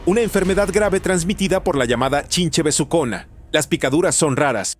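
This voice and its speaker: A man reading scripted nature documentary narration as descriptive, dramatic storytelling. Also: on the high side.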